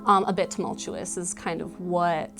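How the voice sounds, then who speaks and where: A tarot reader talks through the cards casually over music, explaining in a conversational way and leaning heavily on "like" and "you know." Her voice is on the low side with little pitch movement, at a moderate pace.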